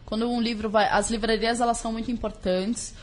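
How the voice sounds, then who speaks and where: A woman's voice: fairly high pitch, flat delivery, brisk. Candid Brazilian woman with a sore throat. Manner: candid, colloquial, sprinkled with swearing. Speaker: guest, book author. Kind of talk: casual conversational interview.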